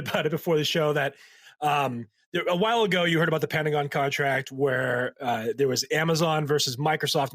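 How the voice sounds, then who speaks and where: A chatty male podcast co-host with a fairly high voice, rambling through the news with lots of likes and easy laughter. His voice is recorded dry and close, with no room sound around it. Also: fairly bright tone, no echo. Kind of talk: casual chat.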